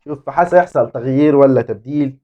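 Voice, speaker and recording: A man with an Egyptian Arabic accent, giving excitable live commentary on his own football game as a gaming YouTuber. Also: mid-range voice, fast, dull audio. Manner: excitable, exclaiming and pleading at the game.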